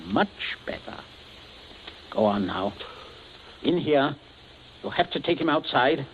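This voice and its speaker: A man's voice: medium pitch, very animated, takes it slowly. An actor playing a scheming middle-aged father in a 1940s radio play, coldly jovial and suave while giving orders. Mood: menacing. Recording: dull old radio recording, faint hiss.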